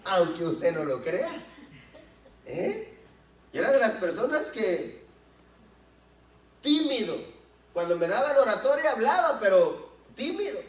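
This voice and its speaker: A man's voice: high voice, big pitch swings, a little slow, pauses often. A male pastor preaching a sermon in a church, in a conversational way, often asking the congregation questions. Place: church sanctuary. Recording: roomy echo, mic at a distance.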